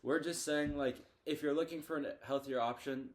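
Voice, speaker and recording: Teen guy chatting, halting and loose. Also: fairly high pitch, fairly even intonation. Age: teens. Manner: hesitant, lots of fillers and restarts. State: hiccups. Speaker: podcast co-host. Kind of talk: casual chat.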